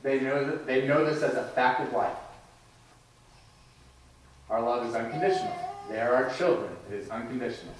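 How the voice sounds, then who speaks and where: A man in his thirties with a mid-range voice preaches a conversational sermon in a church sanctuary, restarting sentences and adding asides. He talks at normal speed and pauses often. The recording is distant and echoey, with a noisy background.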